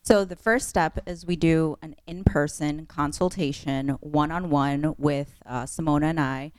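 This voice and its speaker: Woman guest, physician assistant, low voice, dry sound, professional explainer. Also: steady tone, measured pace, dry recording. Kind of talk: interview answers.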